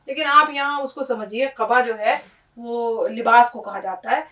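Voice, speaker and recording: A woman's voice: on the high side, fairly even intonation, a bit bright, far from the mic, poor audio. A woman teaching Urdu pronunciation, patiently explaining each word and checking in with her listeners.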